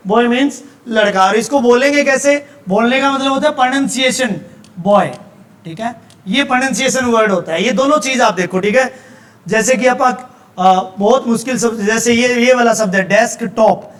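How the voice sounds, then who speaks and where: A male teacher with a Haryanvi accent lectures his class in a voice pitched unusually high for a man. He lays out his method step by step and keeps pausing to check that the students are following. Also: fairly bright tone. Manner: explains step by step with frequent check-ins.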